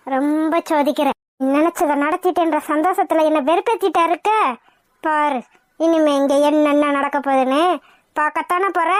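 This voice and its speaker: A woman's voice: extremely high pitch, dry recording. A woman voicing a scolding village mother-in-law. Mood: menacing. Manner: grumbling, scolding. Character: sharp-tongued scheming village mother-in-law. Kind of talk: cartoon voice acting.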